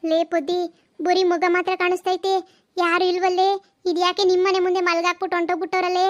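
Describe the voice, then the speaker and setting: A woman voicing chatty village women in a cartoon comedy, in a rapid, gossipy, exclaiming manner. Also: very high-pitched, flat delivery, muffled recording.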